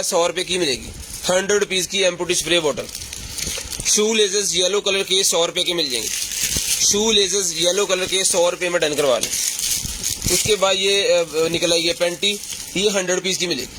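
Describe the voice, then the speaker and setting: A man giving a hard-sell live shopping pitch, insistently repeating prices and sales phrases. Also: moderate pace, background noise. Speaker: live-sale seller.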